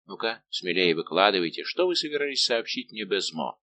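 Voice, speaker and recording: A man's voice: low voice, very animated, fairly quick, no echo, full character voice. Man voicing a teasing, jovial musketeer captain. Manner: warm, bantering and persuasive. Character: lively teasing male musketeer captain, middle-aged.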